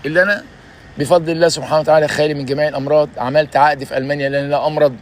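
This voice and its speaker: In a casual life-advice vlog, a sixty-something man with an Egyptian Arabic accent races through preachy, emphatic motivation in a fairly high voice and flat delivery, frequently saying "ya basha." Slight background noise can be heard.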